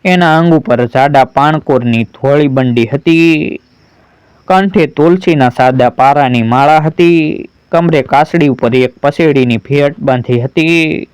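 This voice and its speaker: A man reads a folk story aloud in a slow, deliberate, dramatic manner. His voice is smooth and clear, a little high for a man. The sound is dry and close. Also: no echo, poor audio. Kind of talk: scripted story narration.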